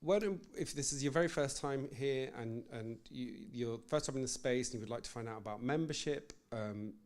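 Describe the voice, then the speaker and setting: A man's voice: mid-range voice, brisk, darkish tone. A young man opening a live poetry event in a library as its host, speaking informally with lots of ums and self-deprecating asides. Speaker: project manager and event host. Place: library event space with an audience. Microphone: live-streamed event microphone.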